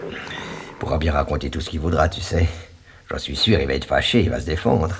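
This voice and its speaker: Radio-play villain: a gloating, manipulative novelist, low and husky, wildly animated delivery. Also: male voice, a little fast, full character voice. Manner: theatrical, swings from wheedling whispers to shrill outbursts. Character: scheming middle-aged male crime writer, vain and manipulative. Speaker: Anselme Leroy, suspect author. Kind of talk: 1980s radio drama acting.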